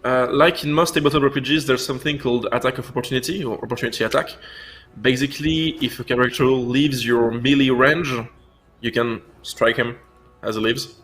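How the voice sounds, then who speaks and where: A man's voice: mid-range voice, steady tone, a little fast, a bit bright, faint music behind. A man chatting on a livestream as a game developer, explaining in a conversational way. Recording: faint background noise, game sound behind.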